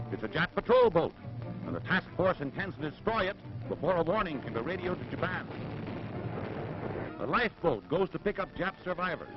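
A man's voice: a little high, lo-fi sound. A man narrating a 1940s wartime newsreel in a dramatic, declamatory announcer style, heard as old film audio played on air. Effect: old newsreel soundtrack played on air.

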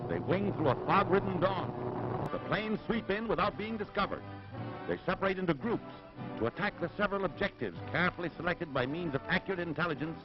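Old newsreel narrator, man, high-pitched, swooping dramatic delivery, dull lo-fi film sound, loud music behind. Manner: dramatic, declamatory announcer delivery. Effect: old newsreel soundtrack played on air. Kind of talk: 1940s wartime newsreel narration.

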